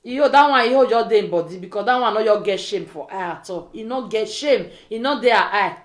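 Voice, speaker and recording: A woman's voice: mid-range voice, animated, fairly quick. A woman with a West African accent delivers an informal pidgin rant like a social media vlogger, scolding and repeating pointed rhetorical questions. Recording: echoey, roomy sound.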